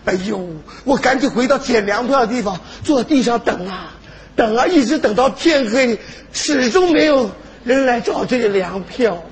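An actor playing an elderly, doting grandfather who loves retelling stories, in an animated comedy stage sketch. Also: extremely high pitch, normal speed. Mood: excited storytelling. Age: older. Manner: animated, chuckling storyteller. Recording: noisy broadcast stage recording.

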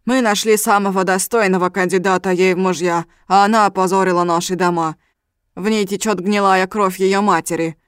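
A woman voicing an enraged, proud older brother who shouts with contempt. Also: fairly low pitch, little pitch movement, normal speed, clean tone, no room sound, studio quality, lightly acted. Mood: contemptuous.

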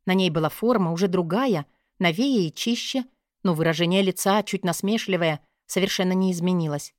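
A woman reading first-person fantasy narration in an even, measured way. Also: on the low side, no room sound, clean studio sound. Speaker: audiobook narrator.

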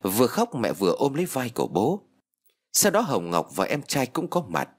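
A man narrating a sad story in an expressive, emotional reading style. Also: mid-range voice, normal speed, husky. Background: faint music.

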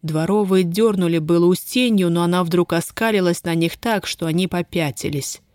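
A woman's voice: fairly low pitch, normal speed, a little mellow, no echo, clean studio sound. Woman reading a dramatic story aloud. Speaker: audiobook narrator. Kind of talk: scripted narration.

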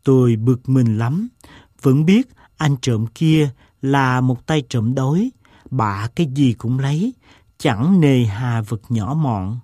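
A man reading a story aloud, voicing an eccentric, self-mocking gentleman who tells a long tale in a slow, deliberate way. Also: mid-range voice, lively intonation, no room sound, clean studio sound. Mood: wry.

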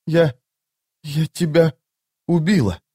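A man voicing a frightened, confused young woman with a high, breathless voice in an audiobook. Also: very animated, brisk, a little mellow.

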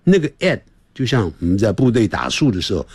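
A man giving a radio English lesson, repeating short phrases over and over and slowing right down to model the sounds. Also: fairly low pitch, sing-song, darkish tone, husky, no room sound. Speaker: English teacher.

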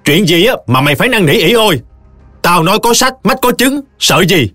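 A man voicing a quarrelsome, slandering old woman who shouts scornfully. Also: high voice, sing-song, a little fast, dry recording, faint music behind, pitched above the performer's own voice, exaggerated voice. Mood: shrill defiant.

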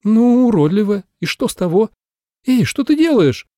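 A man's voice: on the high side, big pitch swings, moderate pace, warm tone, no room sound, clean studio sound, voice pushed up. Man voicing a snippy songbird girl. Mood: defensive. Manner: snappish and mocking. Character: sharp-tongued young female songbird maiden.

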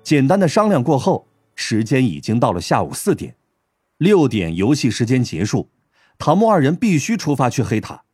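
A man narrating an audiobook in an expressive storytelling manner. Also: mid-range voice, moderate pace, slightly rough, dry recording, clean studio sound, faint music behind. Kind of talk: scripted narration.

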